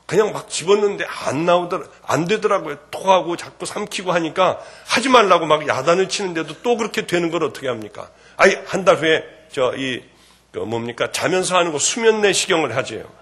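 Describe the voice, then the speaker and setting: A middle-aged man giving an emotional spoken testimony in church, fervent and swinging between hushed and loud. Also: a little high, expressive, brisk, breathy edge.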